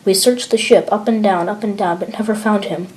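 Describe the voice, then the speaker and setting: A worn-out male soldier, stranded and hushed, recounting over the radio, as a woman reads him. Tired and low, in an amateur horror audio log. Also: fairly quick, slight background noise, natural voice, low-quality recording. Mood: weary.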